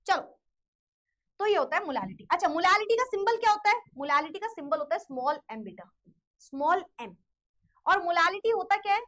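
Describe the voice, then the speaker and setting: Woman, high voice, chemistry teacher, lively, repeats definitions slowly, answers her own questions. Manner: lively, repeats key phrases slowly to dictate. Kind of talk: online class lesson.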